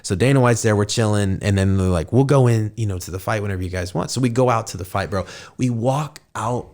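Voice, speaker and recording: Thirties male host, low-pitched, animated, jumps up high for quoted lines. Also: fast. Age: 30s. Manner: animated storyteller, acts out quotes in raised voices. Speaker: podcast host. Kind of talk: casual storytelling chat.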